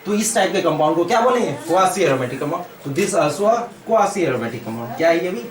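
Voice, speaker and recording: A man's voice: on the high side, expressive, moderate pace. A man with an Indian accent teaching chemistry at a board, asking questions and answering them himself while repeating key terms. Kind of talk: whiteboard lecture. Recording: echoey room, mic far off.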